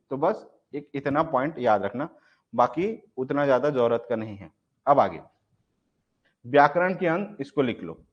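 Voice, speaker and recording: Man teaching a class, quizzing as he goes. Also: fairly high pitch. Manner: asks the class questions and answers them himself; repeats key points, often says "ठीक है". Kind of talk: live online exam-prep class. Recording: dull lo-fi recording.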